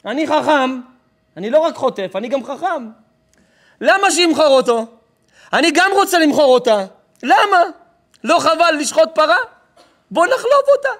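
A man's voice: very high-pitched, sing-song, long pauses, a bit bright, voice pushed up, exaggerated voice. A man voicing a scheming, greedy kidnapper who boasts and gloats in slangy talk. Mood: gleeful scheming. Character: scheming greedy male kidnapper, gleeful swaggering villain.

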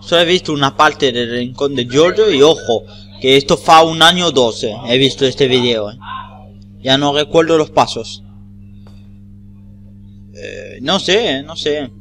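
Spanish guy from spain doing gameplay, bright voice, rambles and swears, game music behind. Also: mid-range voice, unhurried, pauses often. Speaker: gamer. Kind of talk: casual gameplay commentary.

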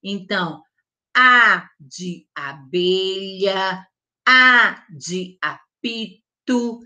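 A woman teacher giving a gentle vowel lesson to young children, drawing out each sound and often checking in with the class. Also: mid-range voice, animated, highs cut off. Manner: slow, drawn-out enunciation with diminutives and check-ins; stresses and stretches the vowel sounds loudly. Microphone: close mic, online class recording.

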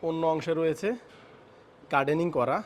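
A man giving a walkthrough tour of a flat for sale, talking straight to viewers and pointing out each room's features. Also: a little high, normal speed, slight background noise. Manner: speaks softly in the child's bedroom so a sleeping baby isn't woken. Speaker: real estate agent giving a flat tour. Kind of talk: walkthrough property tour narration. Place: inside an apartment, moving room to room.

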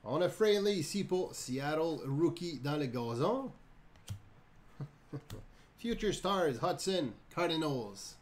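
A man's voice: fairly high pitch, expressive, takes it slowly, pauses often. A man with a Quebec French accent hosting a live card break, calling out each card in a chatty way, laughing and joking with viewers. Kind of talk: live card-opening commentary.

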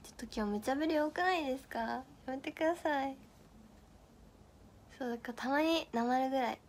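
A young woman with a high, light voice chats casually on her livestream, thanking viewers and answering their comments. She giggles often and plays along as she trips over tongue twisters. Her talk stays bubbly and relaxed. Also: fairly quick, slight background noise. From Miyagi, Japan. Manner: giggly, playful, stumbling through tongue twisters. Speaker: idol livestream host.

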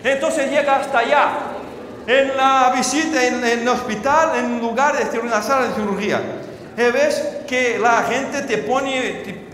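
A man preaching a sermon as a story, often checking in with the audience through quick questions and halting restarts. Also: extremely high pitch, steady tone, a bit bright. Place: church hall. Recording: reverberant church hall.

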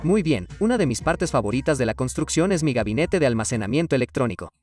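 A man's voice: mid-range voice, very animated, quick pace, a little mellow, recorded from a distance, soft background music. A young man giving an upbeat, casual tour of the converted shuttle bus he lives in.

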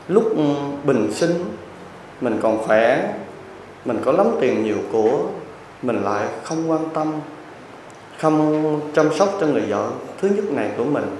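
Echoey monk preaching. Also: male voice, medium pitch, slight background noise. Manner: lively storytelling with jokes to the audience. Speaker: Buddhist monk. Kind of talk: sermon told as a story. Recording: very echoey hall, distant mic.

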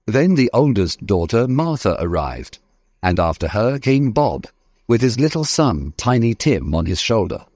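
A man narrating a graded-reader story with a clear, expressive reading. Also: on the low side, measured pace, dry recording, clean studio sound.

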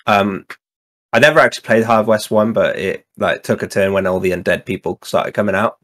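A man's voice: lowish voice, brisk, fairly bright tone. A man co-hosting a gaming podcast in casual chat, rambling with many fillers and laughing often. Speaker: podcast co-host.

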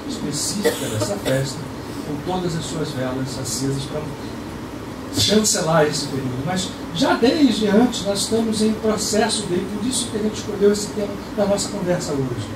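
A middle-aged man from Brazil giving an animated spiritual lecture to a crowded hall, gesturing broadly as he speaks. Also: high voice, normal speed, distant mic. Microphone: far room mic. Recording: echoey hall recorded from afar, air conditioning hum.

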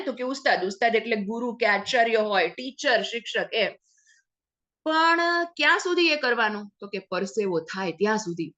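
A woman teacher reading a story aloud and explaining each phrase in simpler words, briefly acting out the characters' lines. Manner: lively, acts out the characters' lines with sudden pitch jumps. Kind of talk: explaining a textbook lesson. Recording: dull lo-fi sound.

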